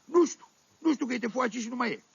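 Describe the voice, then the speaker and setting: Un actor care imită un tânăr soldat țăran, naiv și încet la minte, cu accent oltenesc, protestând smiorcăit. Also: male voice, very high voice, animated, vocal fry, slightly rough, no echo, pitched above the performer's own voice, exaggerated voice. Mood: protesting. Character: dim-witted young peasant soldier, naive. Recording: dull dry 1978 vinyl radio recording.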